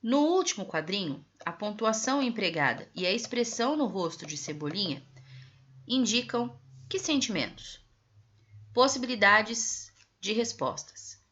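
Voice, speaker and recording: A woman's voice: on the high side, sing-song, a little slow, fairly bright tone. A woman teacher with a Brazilian Portuguese accent, going over textbook exercises with her pupils and stressing each phrase. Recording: dull lo-fi recording.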